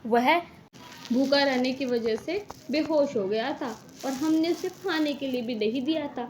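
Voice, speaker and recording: A woman's voice: high-pitched, unhurried, a little mellow, a little hiss or hum. A woman voicing a loyal, worried male servant in a cartoon, advising his master earnestly. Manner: earnest, persuasive. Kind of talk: cartoon voice acting.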